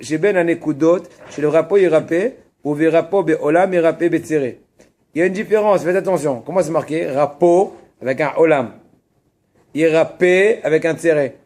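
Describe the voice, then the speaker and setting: A man leads a religious text class in a somewhat high voice. He talks in an animated way, asks his own questions and answers them, stresses Hebrew terms, and drops casual asides to his students. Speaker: rabbi teaching a class.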